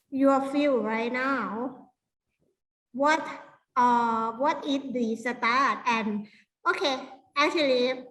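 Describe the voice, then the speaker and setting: A middle-aged woman with a Thai accent, giving an informal online lecture in halting non-native English. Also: high-pitched, a bit bright, low-quality recording. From Thailand. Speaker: university lecturer presenting a workshop.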